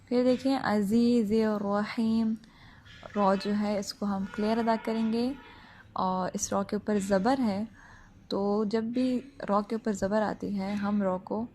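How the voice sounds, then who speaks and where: A woman's voice: mid-range voice, steady tone, a little mellow, a little hiss or hum. A woman teaching tajweed. She explains pronunciation patiently, step by step, and often checks that the listener follows. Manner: slow drawn-out recitation, then plain step-by-step explaining. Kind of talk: Quran recitation lesson.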